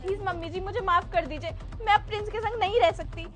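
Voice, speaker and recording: A woman acting as a young wife in a family skit, accusing her husband loudly and emotionally. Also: extremely high pitch, fast talker, faint music behind. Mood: hurt, pleading.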